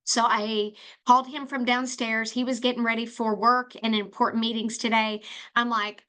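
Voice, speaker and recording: A woman's voice: a little high, little pitch movement, moderate pace, sharp tone. A middle-aged woman hosting a solo podcast, telling a personal story and giving advice in a chatty way, with fillers and restarts. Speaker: podcast host.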